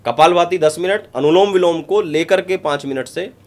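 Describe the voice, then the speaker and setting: A man's voice: fairly high pitch, normal speed. Emphatic yoga guru man explaining. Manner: emphatic, repetitive, explains step by step. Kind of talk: instructive interview talk.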